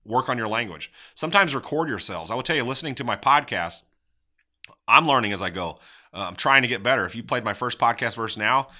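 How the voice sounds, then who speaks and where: Offering casual, motivational sales tips, a middle-aged man hosting a podcast talks fairly quickly at medium pitch. He animatedly acts out example lines, changing his tone for each.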